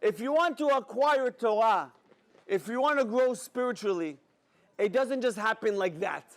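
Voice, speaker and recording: A man giving a sermon as a rabbi, an animated storyteller who talks straight to his audience. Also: very high voice, normal speed. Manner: animated storyteller, acts out dialogue, addresses audience directly.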